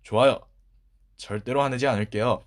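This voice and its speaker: A man voicing an eager, polite young boy servant in a children's storybook, loud and earnest. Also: medium pitch, fairly even intonation, a little fast, lightly acted.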